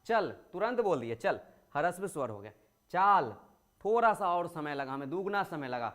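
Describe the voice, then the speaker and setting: A man's voice: fairly high pitch, very animated, moderate pace, a bit bright. A male teacher giving a grammar lesson to school students. He explains patiently, poses questions and answers them himself, and draws out words to show vowel length.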